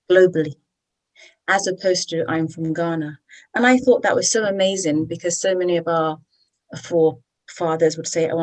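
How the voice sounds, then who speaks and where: A woman's voice: fairly low pitch, darkish tone, rough recording. A woman hosting a webinar on citizenship services, chatty and encouraging, often checking in with "okay?". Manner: chatty and encouraging, with tag questions. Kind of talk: persuasive presentation.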